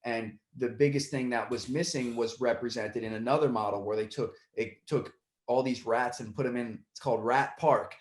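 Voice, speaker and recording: This podcast host, from the Puerto Rican side of his family, speaks at normal speed in a medium-pitched voice with fairly even intonation and a reverberant sound. His talk is casual and meandering, full of restarts, and he becomes heated when recounting a story.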